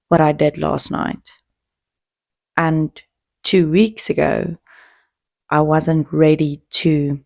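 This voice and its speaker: Slow, gravelly-voiced woman podcaster, heartfelt. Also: sits low, darkish tone, dry recording, clean studio sound. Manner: heartfelt, slow and reflective, with pauses and restarts. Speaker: podcast host. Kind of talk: casual solo podcast talk.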